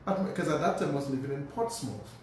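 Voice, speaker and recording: A man, a pharmacist telling his life story as a radio guest, animated, restarting and repeating words. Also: a little high, fast, recorded from a distance. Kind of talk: personal storytelling in a radio interview. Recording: very echoey room, voice from off-mic, faint noise.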